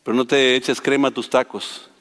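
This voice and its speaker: A man with a Mexican accent voicing Jesus as a calm teacher gently joking with his disciple, heard with long hall reverb. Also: mid-range voice, normal speed, pitched below the performer's own voice, lightly acted. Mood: calm, teasing. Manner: easygoing, joking.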